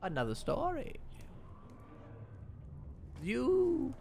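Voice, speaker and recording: Man putting on a creaky, sly old hag. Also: very high voice, wildly swooping pitch, darkish tone, a little hiss or hum, heavily acted. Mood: sly, coaxing. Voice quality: creaky, cackling old-crone voice. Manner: slow, drawn-out, mock-sweet "dearie" talk. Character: sly old hag woman bargaining over curses. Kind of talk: in-character tabletop role-play.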